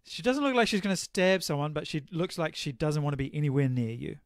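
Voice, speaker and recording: A man running a tabletop game as game master over a call from home, halting with many fillers. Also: on the high side, dry recording. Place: home bedroom. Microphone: home remote-call mic.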